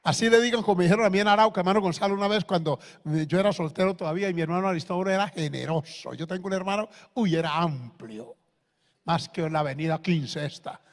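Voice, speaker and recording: A man pastor with a Colombian accent, preaching a sermon that swings between loud exhortation and hushed anecdotes. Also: high-pitched, quick pace, in a large hall. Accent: Colombian Spanish.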